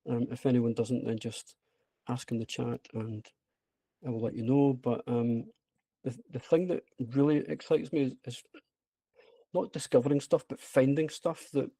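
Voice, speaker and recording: In a warm, slightly rough, medium-pitched voice, a man with a broad Scottish accent walks through his app on a remote video call with screen share. His informal presentation mixes hesitance and self-deprecation with real enthusiasm, captured on a dry recording.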